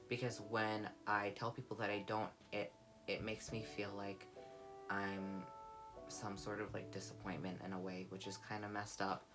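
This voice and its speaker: Over guitar music, a young woman shares a personal vlog, candid and reflective, her soft-spoken voice deep, low and warmly comforting. The audio quality is poor.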